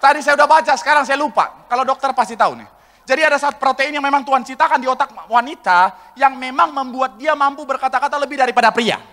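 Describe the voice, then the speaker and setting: A man preaching with a very high, bright, forceful voice, cracking jokes and slipping into playful impressions of couples. His words ring out through a large church hall with a long reverb from the live service. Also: fast talker. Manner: joking, acts out couples' voices, addresses congregation as saudara. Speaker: pastor. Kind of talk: lively comic sermon.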